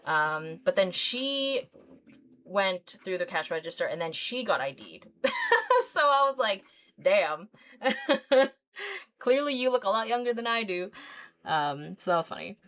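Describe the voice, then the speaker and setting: A woman's voice: medium pitch, animated, unhurried, a bit bright. A woman in her thirties hosting an art livestream, chatting casually as she paints, rambling with lots of fillers and easy giggles. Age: 30s. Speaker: artist livestream host.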